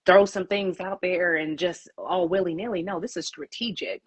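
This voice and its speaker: A woman's voice: fairly low pitch, fairly even intonation, moderate pace, breathy edge, no room sound. A woman publicist answering interview questions, emphatic and repeating her key points.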